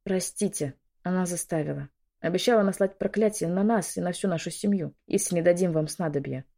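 A woman's voice: fairly low pitch, a little fast, gravelly, dark tone. A woman voicing a frightened young maid who pleads and apologizes. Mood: guilty, pleading.

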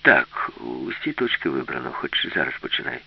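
A man's voice: a bass voice, big pitch swings, normal speed, vocal fry, breathy edge, voice pushed down, full character voice. A man voicing an awkward, sheepish crewman. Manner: awkward, apologetic. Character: sheepish tanned young male film crew member. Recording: dull lo-fi recording.

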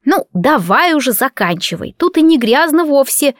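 A woman voicing a loud, creaky old woman of ninety who grumbles and drags out her words. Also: high voice, big pitch swings, dry recording, studio quality, voice pushed up. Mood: coaxing. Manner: drawn-out, scolding. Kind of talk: audiobook character voice.

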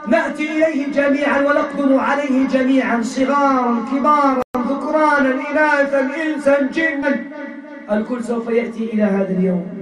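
High-voiced emphatic male preacher, echoey hall. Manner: emphatic, rising to shouts and chanted recitation. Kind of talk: sermon. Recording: echoey hall, distant mic, crowd.

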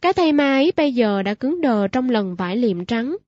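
A woman narrating a short story, reading steadily and clearly. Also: a little high, very animated, brisk, a little mellow, no echo, dull audio.

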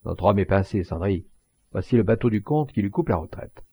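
A man reading the part of a cautious gendarme in an audiobook, speaking in a low, confiding way with a gravelly voice. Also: animated, brisk, warm tone, dry recording. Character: cautious male gendarme, calming his comrade.

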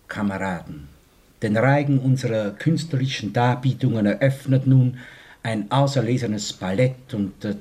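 An actor playing a genial, formal master of ceremonies in a radio play, announcing ceremoniously. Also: male voice, on the low side, a little mellow. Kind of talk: theatrical radio play acting.

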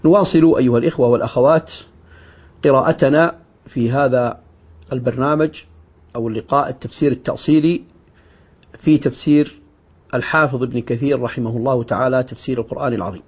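Husky guy giving a religious lesson, kinda high voice, measured delivery, muffled lo-fi audio. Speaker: Islamic scholar teaching Quran exegesis. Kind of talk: religious lecture. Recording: dull lo-fi recording.

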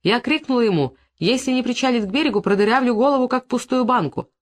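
Tough young woman with a rifle, barking orders, a bit higher, as a female narrator puts her on. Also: fast talker, natural voice. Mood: commanding. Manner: commanding, clipped shouts. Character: stern armed young woman ranger.

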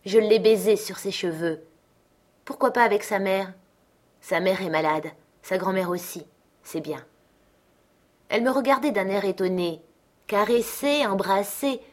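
A woman narrating a classic novel as an audiobook, expressive and dramatic, slowing down on key phrases. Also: mid-range voice. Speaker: audiobook reader.

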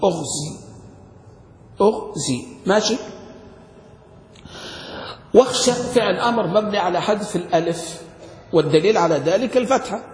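A man's voice: sits high, normal speed, pauses often. A man, teaching a grammar lesson as a sheikh and constantly quizzing his students. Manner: quizzing students with frequent questions. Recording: echoey hall.

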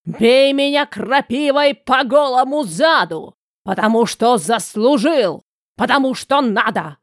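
A mocking talking rose with a high, wailing voice that scolds and taunts, as a woman reads her in a storybook. The sound is dry and close, with no room around it. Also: animated, slow pace, no room sound. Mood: scolding. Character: sharp-tongued talking red rose, female, mocking.

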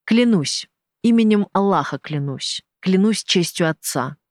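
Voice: mid-range voice, expressive, measured pace, dry recording, studio quality. An audiobook reader voicing a terrified, middle-aged family man who begs for his family's lives. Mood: broken. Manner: begging, desperate. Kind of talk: audiobook character voice.

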